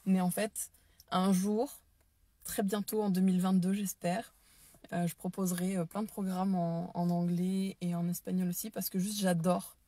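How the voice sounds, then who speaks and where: A French-speaking woman, a dance and neurotraining teacher, hosts a casual Facebook live stream in a fairly low, mellow voice at normal speed. Her delivery is flat, and the recording is dry. She sounds enthusiastic but hesitant, full of fillers and restarts.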